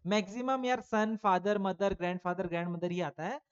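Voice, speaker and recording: A man teaches a class of children in a relaxed, chatty way, posing questions and answering them himself. His recording sounds a little dull and lo-fi. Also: high-pitched, moderate pace, smooth. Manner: chatty, addresses pupils as "beta". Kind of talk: online exam-prep lesson for children.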